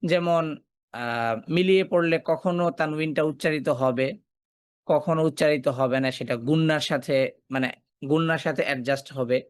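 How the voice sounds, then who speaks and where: A man's voice: on the high side, normal speed, smooth, dry recording. A man teaching a Quran recitation class, asking his students questions, answering them himself and repeating key points. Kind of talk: classroom lesson.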